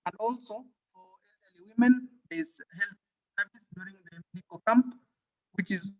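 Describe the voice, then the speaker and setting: A man giving an online presentation, his voice dropping in and out over a bad call connection, halting with pauses. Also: sits high, gravelly. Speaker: foundation presenter. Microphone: video call. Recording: dull lo-fi call audio cutting out.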